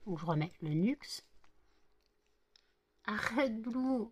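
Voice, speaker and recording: A woman's voice: fairly high pitch, animated, takes it slowly, a little hiss or hum. A worn-out woman chatting casually in a home vlog, rambling and repeating herself after a sleepless night of work. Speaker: vlogger making scented wax melts.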